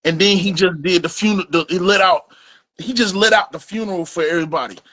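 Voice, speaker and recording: A man's voice: sits high, quick pace, bright, forceful tone. A man co-hosting a casual sports podcast, talking loosely and rambling through his points. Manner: loose, rambling, restarts and trails off. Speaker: podcast co-host. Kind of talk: casual sports barbershop chat.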